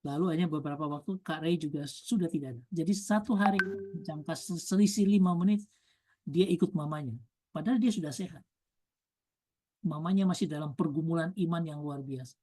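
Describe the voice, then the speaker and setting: A woman's voice: sits low, brisk, darkish tone. A woman preacher telling a testimony in a sermon, building emphasis and using repeated lists.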